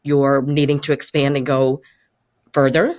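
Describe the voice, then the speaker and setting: A woman's voice: very deep voice, flat delivery, unhurried, darkish tone. Encouraging older woman coach. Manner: encouraging, laughs often mid-sentence. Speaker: podcast host and coach. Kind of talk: conversational coaching chat.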